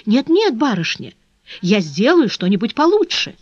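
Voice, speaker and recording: An eager young flower girl, bright with excitement and pleading in quick exclamations, as a woman reading aloud puts her on. Her voice sits high and swoops widely. The recording is dull and lo-fi, with a dry, close sound. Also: no echo.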